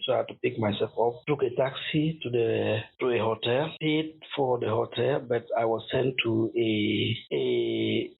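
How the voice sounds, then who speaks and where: A man's voice: mid-range voice, gravelly, breathy edge. A middle-aged man from Cameroon, a university lecturer, telling his story in an interview with many restarts and fillers. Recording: tinny phone-like line.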